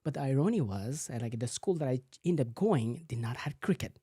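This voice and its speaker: A man's voice: medium pitch, animated, fairly quick, dark tone, breathy edge, no room sound, studio quality. A man, a physical therapist telling his story as a guest, full of "you know" fillers. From Nepal. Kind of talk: casual interview answers.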